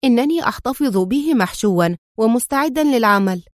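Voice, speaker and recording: A woman reading a storybook, voicing a young female spy who speaks softly and gently. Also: fairly high pitch, expressive, fairly quick, no room sound, clean studio sound, lightly acted. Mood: gentle. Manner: soft and gentle. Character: devoted young woman spy, soft and teasing.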